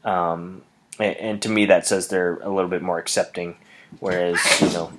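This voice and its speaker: A young man from Wisconsin reading out questions and answering them casually, with many pauses, ums and restarts. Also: deep voice, steady tone, fairly bright tone. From Wisconsin, USA. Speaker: language student answering questions.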